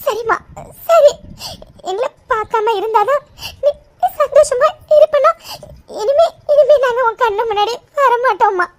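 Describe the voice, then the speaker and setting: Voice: extremely high pitch, normal speed. Sobbing middle-aged cartoon mother, voiced by a performer. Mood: grieving, begging. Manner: sobbing, begging, stammering. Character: grieving middle-aged mother longing for her daughter. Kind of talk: cartoon voice acting.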